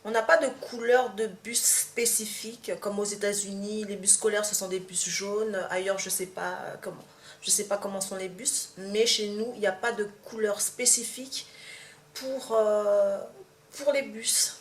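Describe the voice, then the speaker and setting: A woman's voice: mid-range voice, fairly even intonation, measured pace. A young woman from Martinique with a Martinican accent, chatting to camera in a casual tag video, hesitant with many fillers and restarts. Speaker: vlogger. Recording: echoey room, faint background hum.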